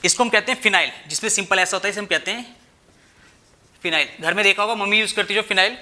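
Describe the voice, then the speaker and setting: A high-pitched young man explains chemistry at a whiteboard at a quick pace, his voice pushed and bright. He blends Hindi and English, addresses students as "bhai," poses rhetorical questions, and keeps confirming with "theek hai."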